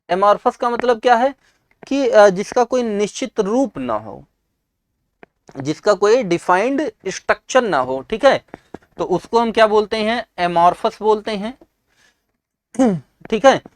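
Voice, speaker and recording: In a close, dry recording without echo, a North Indian-accented man with a high voice runs an English exam-prep class. He works through material by asking and answering his own questions, slipping in English terms, and frequently coughs or clears his throat.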